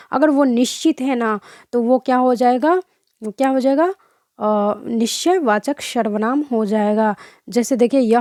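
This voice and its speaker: A woman's voice: on the high side, warm tone, no room sound, studio quality. A young woman teaching an online grammar lesson, who keeps asking rhetorical questions and correcting herself as she goes.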